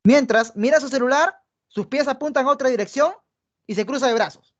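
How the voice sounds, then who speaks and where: A woman's voice: sits high, brisk. A woman with a Peruvian Spanish accent teaching a pre-university psychology class online, explaining step by step and checking in with her students after nearly every point. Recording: dull lo-fi online class audio.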